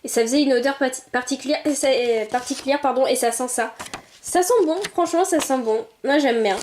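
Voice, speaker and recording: A woman's voice: sits high, fast talker, darkish tone, a little hiss or hum. A young woman chatting casually as she opens and sniffs collectible figurines, thinking aloud with little exclamations. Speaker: vlogger unboxing collectible figurines. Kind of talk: casual unboxing commentary.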